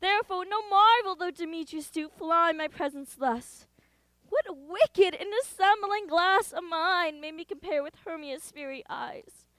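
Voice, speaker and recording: A woman's voice: extremely high pitch, a little slow, a bit bright, dry recording. A woman playing the lovelorn young Helena in a school stage play, pleading and then indignant. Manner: pleading, rising to indignant outbursts.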